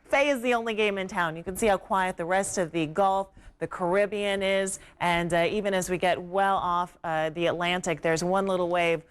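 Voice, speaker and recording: A woman's voice: lowish voice, steady tone, normal speed, few pauses, clear, resonant tone. A woman forecasting the weather on TV, explaining in a flowing, informal way. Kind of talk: live weather commentary.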